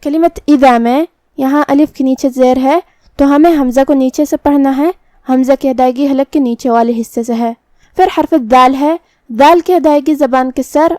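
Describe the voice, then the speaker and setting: Patiently and step by step, a woman explains recitation pronunciation rules in a tajweed lesson that includes slow chanted recitation. Her voice is high-pitched and warm, recorded in studio quality with no room sound.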